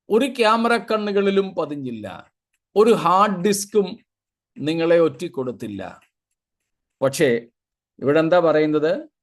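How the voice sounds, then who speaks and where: Slow, deliberate preacher man. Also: sits high. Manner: deliberate preaching with long spoken lists and repeated 'praise God' asides. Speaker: pastor. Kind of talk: Bible sermon.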